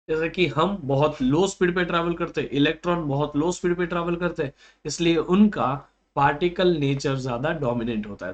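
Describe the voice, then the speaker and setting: A man with an Indian accent teaching a physics lesson for exam students, mixing Hindi and English and answering his own questions to the class. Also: fairly high pitch.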